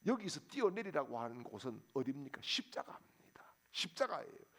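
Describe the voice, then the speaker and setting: A male pastor delivers a sermon with a high voice that leaps up and down with wide swings. His tone carries a gravelly edge, and he keeps throwing rhetorical questions at the congregation. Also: sing-song, brisk, fairly bright tone.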